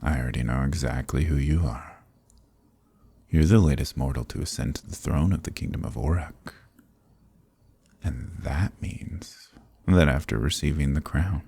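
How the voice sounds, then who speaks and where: A man plays an ancient, smug, dominant archdemon in a dark fantasy ASMR roleplay, heavily acted and recorded dry. His very deep, gravelly, husky, breathy voice moves slowly and deliberately, condescending and commanding, with a smug, weary mood.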